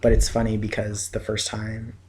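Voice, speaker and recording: His voice is fairly low, a little mellow and monotone, moving at normal speed, though scratchy after surgery. The young man is vlogging from bed at home, groggily rambling through a casual chat to camera with many fillers.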